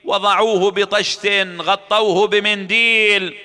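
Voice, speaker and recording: A man recites a dramatic, mournful religious elegy, partly chanted. His voice sits very high and rings smooth and resonant. A long hall reverb trails each phrase. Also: flat delivery, slow pace, pushed and bright. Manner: dramatic, tearful lamenting delivery.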